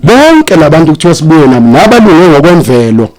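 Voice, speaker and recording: A man's voice: on the high side, big pitch swings, quick pace, darkish tone, rough recording. A man with a South African accent and native Zulu, giving a sermon as guest preacher with repetitive, listing phrasing.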